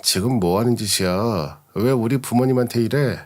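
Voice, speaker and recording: A man's voice: medium pitch, moderate pace, darkish tone, lightly acted. A man voicing a cheating husband who blusters and denies everything. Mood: defensive. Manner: blustering, evasive. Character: cheating husband caught out, defensive.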